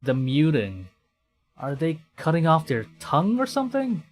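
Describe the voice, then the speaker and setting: A Filipino VTuber streams a horror game with casual commentary, his fairly high voice swinging widely in pitch at a normal speed. He reacts with nervous swearing and stammering restarts while faint music plays behind him.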